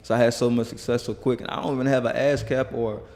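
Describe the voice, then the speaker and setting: A man's voice: mid-range voice, flat delivery, fast, a little mellow. A man being interviewed as a musician, talking earnestly and rambling with many restarts. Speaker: guest musician. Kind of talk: casual interview talk. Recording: reverberant hall.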